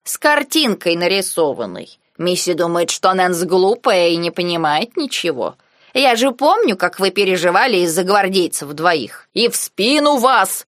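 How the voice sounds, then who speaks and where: A woman's voice: fairly low pitch, very animated, normal speed, fairly bright tone, no room sound, studio quality. Woman voicing a bold, folksy maid. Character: bold buxom maid, proud, folksy rustic speech.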